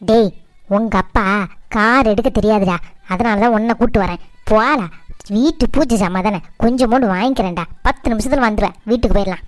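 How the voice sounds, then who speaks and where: A woman acts out a bitter, sharp-tongued mother-in-law from a Tamil cartoon drama. Her voice is fairly high and dryly recorded, with a southern Tamil Nadu accent. She scolds and nags like a schemer. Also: a little fast, no room sound, soft background music, lightly acted. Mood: coaxing. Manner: scolding, nagging, complaining. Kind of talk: colloquial family cartoon drama dialogue.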